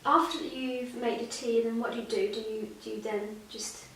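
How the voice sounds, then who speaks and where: A woman hosting a casual lesson chat, laughing often and filling pauses with ums. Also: on the high side, fairly even intonation, fairly bright tone. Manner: giggly, many fillers. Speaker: host. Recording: roomy echo, distant mic, faint hiss.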